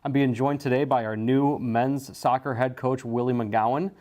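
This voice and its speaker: A man's voice: medium pitch, fairly even intonation, normal speed, a little mellow. A man in college athletics hosting an interview in a conversational way.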